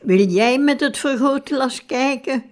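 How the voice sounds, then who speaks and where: A woman voicing a calm, matter-of-fact male scientist examining a patient, read slowly in an audiobook. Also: high voice, voice pushed up. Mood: calm clinical.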